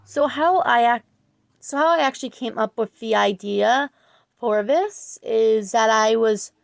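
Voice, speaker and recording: A woman's voice: on the high side, measured pace, gravelly, no room sound, clean studio sound. A woman talking casually over her drawing video, rambling and hesitant, full of fillers and self-corrections. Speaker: art channel creator, student.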